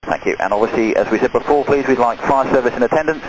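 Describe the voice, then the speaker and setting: A man's voice: mid-range voice, fast talker. A man making polite, procedural calls over the radio as an airline pilot. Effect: radio transmission. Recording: noisy cockpit radio transmission.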